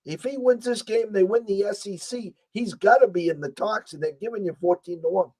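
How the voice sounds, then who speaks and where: Hoarse male sports betting host. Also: high-pitched, a little fast, a little mellow. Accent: American. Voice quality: husky, strained voice. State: hoarse, losing his voice. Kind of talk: casual sports betting talk.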